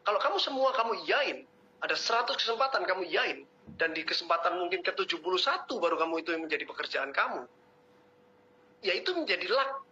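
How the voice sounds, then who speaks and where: A man giving a motivational webinar talk, lecturing and teasing his audience in an animated way. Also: high-pitched, a little fast. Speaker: webinar speaker. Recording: muffled webinar audio.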